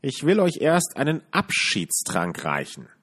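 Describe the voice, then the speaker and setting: A man voicing an old witch who speaks in a rasping, falsely friendly way. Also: mid-range voice, wildly swooping pitch, fairly bright tone, pitched above the performer's own voice, heavily acted. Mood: scheming. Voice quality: rasping, slow.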